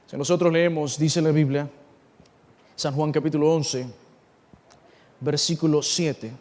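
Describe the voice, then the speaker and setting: High-voiced preacher in a reverberant hall. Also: male voice, unhurried. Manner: animated storytelling, acting out dialogue and addressing listeners directly. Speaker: pastor. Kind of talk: sermon.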